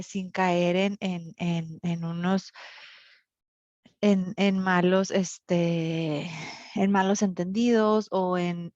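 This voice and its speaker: A woman's voice: medium pitch, a little mellow, no room sound. Woman teacher w/ monterrey accent, explains w/ lots of fillers, dull dry lo-fi sound. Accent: Monterrey Mexican Spanish. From northern Mexico. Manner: explains with many fillers and tag questions. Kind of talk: online class lecture. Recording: dull, lo-fi recording.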